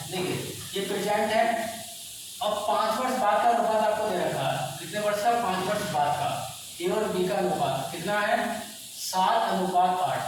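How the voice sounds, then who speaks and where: A man's voice: high voice, slight background noise. A man with a Hindi accent teaching a coaching-class math lesson, exhorting students and often checking "okay?". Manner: exhorting, keeps asking students to answer, repeats "ठीक है?". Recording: echoey classroom, far from mic.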